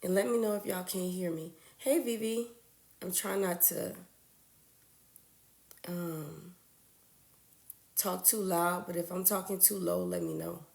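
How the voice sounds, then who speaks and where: Woman, casual livestream chat, low gravelly voice, slightly congested, echoey room. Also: steady tone, a little slow, long pauses, darkish tone. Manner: chatty, greets viewers by name. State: congested from a cold. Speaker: registered nurse hosting a livestream.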